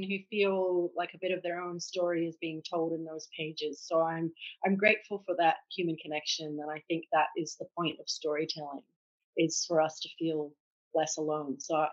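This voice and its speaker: A Scottish author in her forties speaks candidly and reflectively about her story as a guest on a podcast. Her voice sits low, and the recording has its high frequencies cut off.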